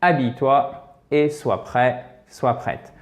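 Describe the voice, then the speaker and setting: A man at middle pitch gives a lesson on English phrasal verbs, explaining in French. He talks patiently and keeps checking in with his students. Now and then he turns away to write, and his voice drifts off the mic. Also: steady tone, takes it slowly. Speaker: English teacher.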